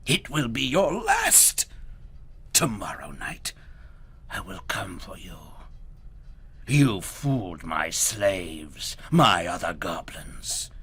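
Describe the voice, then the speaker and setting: A man voicing a fierce male goblin king in a storybook reading, speaking in a slow hushed whisper. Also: deep voice, huge pitch swings, breathy edge, full character voice. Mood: menacing.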